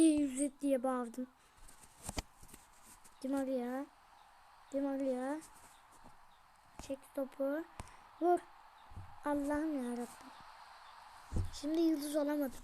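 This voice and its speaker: A woman with a high, bright voice casually commenting on her football video game match. She talks to viewers, cheers goals and yells at her players. Faint noise hums behind her. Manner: excitable, yells at the plays and jokes with viewers. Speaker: gaming channel host.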